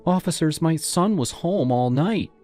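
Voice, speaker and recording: A man's voice: fairly high pitch, animated, unhurried, a little mellow, soft background music, pitched above the performer's own voice. A man voicing a tired, apologetic middle-aged woman who works as a nurse, speaking in a pleading way. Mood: smooth. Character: weary soft-spoken middle-aged woman, nurse and mother.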